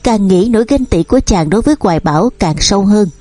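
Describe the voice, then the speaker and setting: A woman narrating a novel as an audiobook reader, in a steady storytelling manner. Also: medium pitch, fast talker, no room sound. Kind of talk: novel reading.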